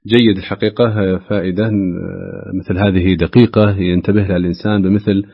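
A man hosting a radio program, brisk and polite, asking follow-up questions. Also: sits low, fairly even intonation, dry recording. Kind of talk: radio interview and discussion. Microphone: studio microphone. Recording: slightly dull dry radio studio sound.

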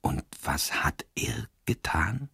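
A man's voice: low voice, normal speed, breathy edge, no room sound, clean studio sound. A man reading the lines of a skeptical lawyer who presses with incredulous questions. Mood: tense. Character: tense, skeptical male country lawyer. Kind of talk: scripted narration.

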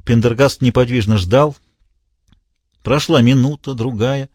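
A man narrating a thriller audiobook in expressive storytelling style. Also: mid-range voice, measured pace, no room sound, clean studio sound. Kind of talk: scripted narration.

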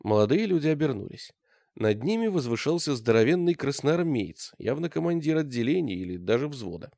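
A man narrating a war novel in an expressive reading style. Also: medium pitch, fairly quick, gravelly, no room sound, studio quality. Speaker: audiobook narrator. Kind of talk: scripted narration.

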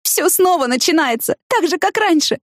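A woman reading an audiobook, voicing a distraught young woman in withdrawal who wails slowly and with strain. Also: high-pitched, dry recording, clean studio sound, pitched above the performer's own voice. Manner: wailing, slow and strained.

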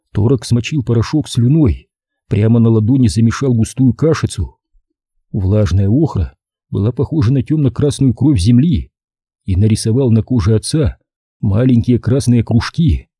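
A man narrating an audiobook in an expressive storytelling manner. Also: fairly low pitch, moderate pace, husky, dry recording, clean studio sound. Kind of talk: audiobook reading.

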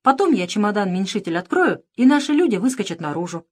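Cowardly pirate lackey, done by a woman, whiny, pleading, high-pitched, animated. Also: fast. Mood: whining. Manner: pleading and panicky. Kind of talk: audiobook character reading.

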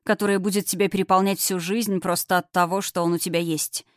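A woman voicing a kindly, experienced woman doctor who talks in a warm, reassuring, gently amused way. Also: on the low side, flat delivery, brisk, no echo, clean studio sound, natural voice.

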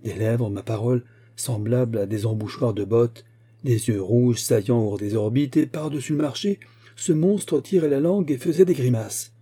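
A man reading a fantastic folk tale aloud as narrator, in a lively storytelling manner. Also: mid-range voice, normal speed, breathy edge. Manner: lively storytelling, voicing the grandfather's lines.

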